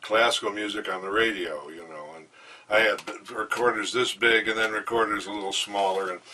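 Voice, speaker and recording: Interviewed in a hotel room, an older man tells rambling anecdotes with enthusiasm, meandering and using many fillers. His voice is fairly low and sharp in tone, steady, at a moderate pace. The mic is distant and there is faint background noise.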